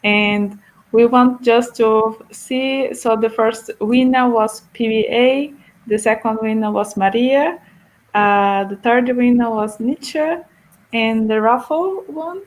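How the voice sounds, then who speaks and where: A woman's voice: on the high side, slow pace, rough recording. A woman from Brazil co-hosting an online meetup, chatty and laughing easily. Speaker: event co-host.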